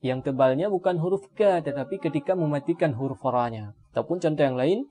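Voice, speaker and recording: A man with an Indonesian accent gives a steady Quran recitation lesson, explaining each rule calmly. He stretches Arabic example words out slowly. His voice sits a little high but sounds dark and mellow. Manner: slow drawn-out Arabic demonstration words between calm explanation. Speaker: tajwid teacher.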